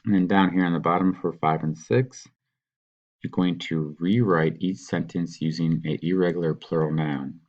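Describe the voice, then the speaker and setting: Super deep voiced teacher guy going slow and patient over a worksheet, kinda dull recording. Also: fairly even intonation, darkish tone. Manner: patient, sounds out words slowly. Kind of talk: recorded classroom walkthrough.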